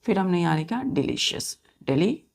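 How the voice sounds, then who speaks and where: A woman's voice: fairly low pitch, very animated, fairly quick, vocal fry, a little mellow. A woman teacher giving a vocabulary lesson, spelling words out letter by letter and asking questions of her students.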